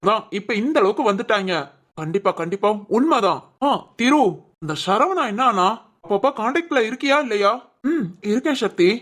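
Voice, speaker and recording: A woman voicing young brothers who plot revenge in low, conspiratorial talk, in an amateur family drama. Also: expressive, moderate pace. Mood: plotting.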